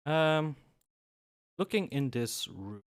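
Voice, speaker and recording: Slow, measured male game master. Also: a little high, very animated, clean tone. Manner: measured, with frequent pauses and fillers. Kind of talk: narrating a tabletop game.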